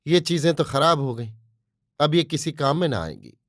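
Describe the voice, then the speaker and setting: A man's voice: fairly high pitch, big pitch swings, moderate pace, fairly bright tone, no room sound, studio quality. A man voicing a humble, embarrassed old fruit seller who speaks meekly and deferentially in a storybook reading. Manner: meek, deferential.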